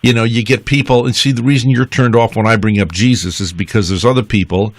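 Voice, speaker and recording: A man hosting a radio talk show, teasing his guest and preaching in a lively, casual way. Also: on the low side, quick pace, no room sound.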